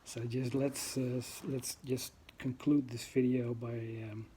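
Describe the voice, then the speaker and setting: In his first vlog, a Dutch man with a Netherlands accent speaks unscripted to the camera, groping for words amid frequent ums and uhs. His medium-pitched voice is mellow and flat, and he takes his time. Slight background noise can be heard.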